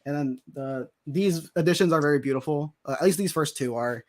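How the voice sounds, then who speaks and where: A man chatting casually as a podcast guest, excitable and rambling, with many restarts. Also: a little high, a little fast. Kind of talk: casual chat.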